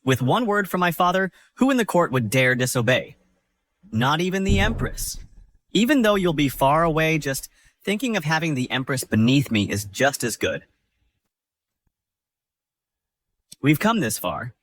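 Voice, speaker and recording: A man's voice: fairly high pitch, big pitch swings, moderate pace, a bit bright, a little hiss or hum. A man playing a sneering noble villain. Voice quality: sneering, boastful, turns pleading. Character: arrogant young male noble, prime minister's son. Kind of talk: dubbed short drama.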